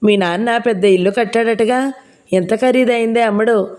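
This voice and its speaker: A woman's voice: on the high side, fairly even intonation, normal speed, a little mellow, close to an everyday voice. A woman voicing a nosy, chatty older village woman who pries and scolds, in an audiobook reading. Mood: prying. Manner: prying, scolding, gossipy.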